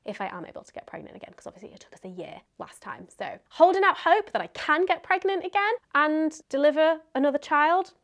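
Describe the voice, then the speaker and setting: A woman's voice: sits high, very animated, fairly quick, few pauses, fairly bright tone. A woman hosting a casual question-and-answer vlog, talking candidly and conversationally as if thinking aloud. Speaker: video host answering viewer questions.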